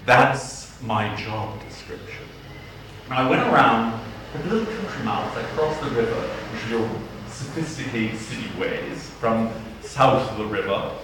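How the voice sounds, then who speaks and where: A middle-aged Boston man, an archdeacon, tells wry stories in a humorous sermon, his medium-pitched voice lively in intonation and his delivery slow and deliberate. A distant mic gives roomy church sound, with some background noise.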